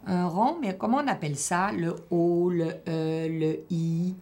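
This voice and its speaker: A woman's voice: on the low side, measured pace, warm tone. Patient encouraging teacher woman. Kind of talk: one-on-one reading assessment.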